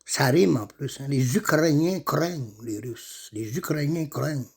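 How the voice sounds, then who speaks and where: A man playing a boastful male Martian racer, with a put-on Russian accent and a slow, deadpan delivery in a comedy sketch. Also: a little high, vocal fry, breathy edge, pitched below the performer's own voice, heavily acted.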